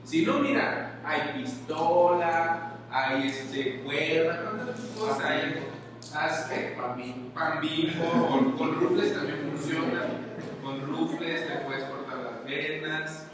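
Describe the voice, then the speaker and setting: In a large conference hall, a Mexican-accented man with a slightly high voice speaks slowly through a motivational lecture, addressing the audience conversationally and asking questions all the time. The audio is distant and very echoey, with faint noise, as he speaks as a conference speaker.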